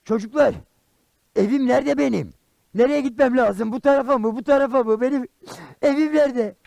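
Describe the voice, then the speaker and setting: A man voicing Karagöz, a blunt, quick-tempered common man in a traditional shadow puppet play, firing off rhyming comebacks. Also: animated, no room sound, exaggerated voice. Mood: panicked. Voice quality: gravelly and high. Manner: loud, rhyming comebacks, exclamations.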